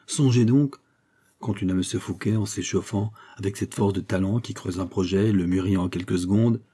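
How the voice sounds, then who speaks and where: A male audiobook narrator reading a classic novel in a steady, literary way. His voice sits low, very dark and husky. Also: fairly quick.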